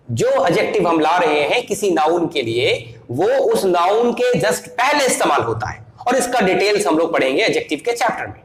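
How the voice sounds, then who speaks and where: A man's voice: high-pitched, reverberant, a little hiss or hum, poor audio. A male English teacher, explaining grammar step by step and repeating the key points. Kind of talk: grammar lesson.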